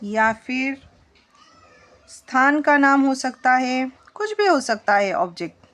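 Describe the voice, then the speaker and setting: A woman's voice: sits high, lively intonation, fairly bright tone. A woman teaching a spoken English lesson in Hindi, patiently quizzing her students as she goes. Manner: slow, patient, asks the class questions.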